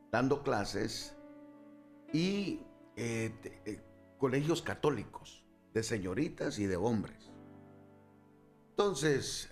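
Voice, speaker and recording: A man from Honduras, a guest pastor, telling his personal testimony in an interview, relaxed and storytelling with asides. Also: on the low side.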